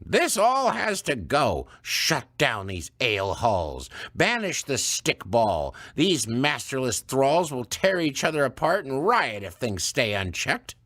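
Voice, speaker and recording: A man's voice: mid-range voice, wildly swooping pitch, slow pace, hardly any pauses, sharp tone, no echo, voice pushed up, exaggerated voice. A man voicing a haughty, commanding older woman who leads a cult.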